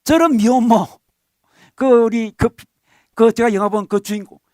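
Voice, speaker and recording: Man, pastor, sermon, conversational, rhetorical questions, higher pitched voice, dry sound. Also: normal speed, a little mellow, dry recording.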